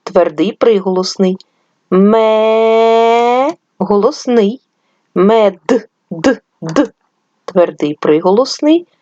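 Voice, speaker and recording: Slow, lively woman teacher for little kids. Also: mid-range voice, no echo, muffled recording. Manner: slow, drawn-out sound-by-sound enunciation. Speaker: primary school teacher. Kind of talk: reading lesson for young children.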